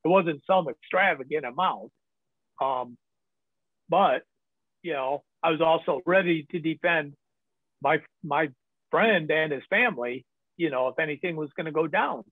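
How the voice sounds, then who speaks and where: A man on a podcast tells candid stories from his past in a loose, casual way, laughing often and filling gaps with ums. His voice is on the high side, a little slow and full of pauses. The line sounds tinny and phone-like, and dry.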